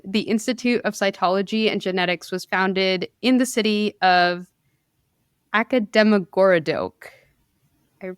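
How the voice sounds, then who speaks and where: A woman's voice: mid-range voice, clear, resonant tone, no room sound, studio quality. A woman hosting a podcast, telling a science story in a casual, chatty way with frequent laughs and self-deprecating asides. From India.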